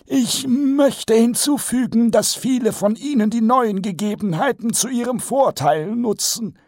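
A man voicing an old, pompous male wizard who lectures slowly and cheerfully in a very high, drawn-out voice. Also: a little mellow, dry recording, studio quality. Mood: lecturing.

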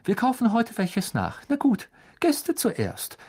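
A fluttering, high-pitched mother witch who fusses and coaxes, her voice bouncing with lively swoops, as a man puts her on. She worries over everyone around her in a storybook kitchen. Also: takes it slowly, husky, heavily acted. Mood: fussing. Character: warm fussing motherly witch, middle-aged.

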